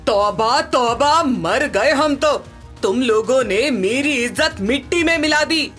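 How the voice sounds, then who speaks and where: A woman's voice: on the low side, slow, soft background music, pitched below the performer's own voice. A woman voicing a strict, bossy middle-aged mother-in-law in a cartoon, stern and scolding.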